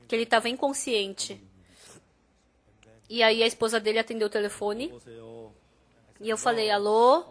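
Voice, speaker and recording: A woman interprets a sermon in the first person and tells the story with rising emphasis. Her voice is high and bright, and it carries with a clear edge. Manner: storytelling, emphatic and animated when quoting.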